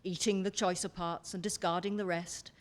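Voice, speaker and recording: A woman reading passages from a book aloud in steady, clear narration. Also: lowish voice, normal speed. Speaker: co-reader of the book's passages. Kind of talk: scripted narration.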